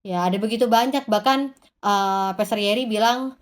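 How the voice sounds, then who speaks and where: A woman's voice: mid-range voice, normal speed. A woman giving an informal devotional sermon, talking straight to the congregation and answering her own rhetorical questions. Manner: addresses the congregation directly. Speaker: preacher.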